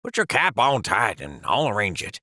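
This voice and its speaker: An actor playing an older male office pen in a cartoon, a calm, teasing mentor who keeps calling others lad. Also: lowish voice, moderate pace, no room sound, clean studio sound, full character voice. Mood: coaxing. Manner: jokey, calls others lad and laddie. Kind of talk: animated cartoon voice acting.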